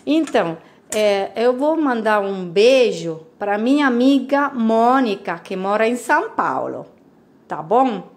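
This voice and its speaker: Slow, higher-voiced woman with Italian accent. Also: lively intonation. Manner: halting, searching for words in a second language. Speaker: home cooking host. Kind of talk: casual recipe voice-over.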